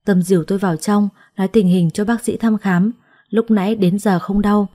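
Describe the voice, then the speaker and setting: Woman narrating a sad first-person story, calm and reflective, mellow warm voice. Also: mid-range voice, normal speed.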